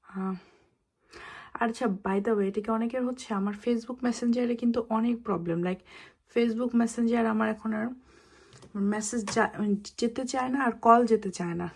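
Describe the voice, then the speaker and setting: A young woman chatting casually while cooking in her home kitchen, speaking softly and mixing English words into her talk. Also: fairly high pitch. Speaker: vlogger. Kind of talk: casual home vlog narration.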